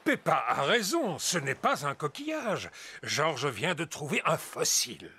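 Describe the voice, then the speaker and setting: A man's voice: on the high side, sing-song, a little slow, noisy background. A man voicing a playful, kindly old grandfather pig in a children's cartoon, theatrical and fond of explaining.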